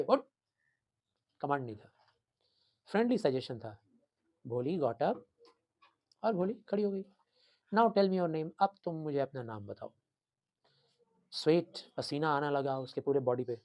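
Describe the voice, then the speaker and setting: A male teacher retelling and explaining a story for students, animated and repetitive, switching between two languages. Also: a little high, no room sound. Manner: animated storytelling, code-switching, repeating for emphasis.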